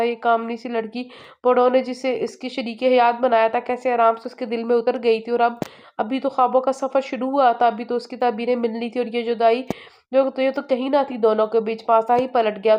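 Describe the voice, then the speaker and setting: A woman narrating a romance novel as an audiobook, reading in a steady, even way. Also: a little high. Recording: slightly muffled lo-fi audio.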